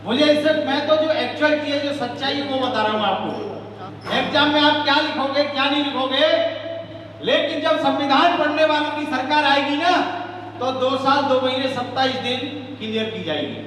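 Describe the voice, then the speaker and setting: A man's voice: very high voice, normal speed, fairly bright tone, slight background noise. A man giving a speech from a stage at a public gathering, firing rhetorical questions at the crowd and checking that they follow him. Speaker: public speaker. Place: stage at an outdoor or hall gathering. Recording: echoey hall sound from far off.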